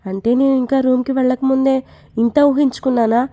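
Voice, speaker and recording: A nervous young bride thinks her fears aloud in a soft, worried murmur, as a woman storyteller puts her on. The voice sits a little high and sounds mellow. The recording is dull and lo-fi. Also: little pitch movement, a little fast, lightly acted. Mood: anxious.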